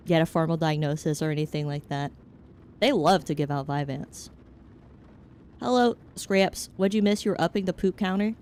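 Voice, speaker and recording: Low-voiced chatty woman streamer. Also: a little mellow, slight background noise. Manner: chatty, rambling, jumps between topics, frank and joking. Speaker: VTuber streamer. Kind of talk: casual chat, answering chat while gaming.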